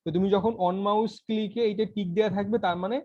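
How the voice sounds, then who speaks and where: Fast, high-voiced computer teacher. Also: male voice, fairly even intonation. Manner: informal, many fillers and restarts, addresses learner as তুমি. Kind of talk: casual screen-recorded tutorial. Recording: dull lo-fi voice recording.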